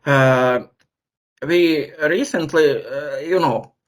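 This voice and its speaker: A man from Serbia, a professor giving an online lecture, pausing often as he searches for words over a video call. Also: fairly high pitch.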